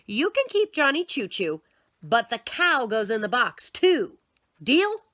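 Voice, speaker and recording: A woman's voice: a little high, big pitch swings, measured pace, fairly bright tone, dry recording, studio quality. A woman voicing an exasperated mother who bargains firmly with her son over his toys, reading a storybook aloud. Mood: firm bargaining. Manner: firm, impatient bargaining.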